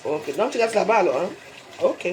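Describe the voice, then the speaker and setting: On a live stream, a woman with a Cameroonian French accent rants and scolds her viewers, firing rhetorical questions and tagging on "hein?". Her medium-pitched voice is expressive and darkish at a moderate pace, with roomy echo and faint noise.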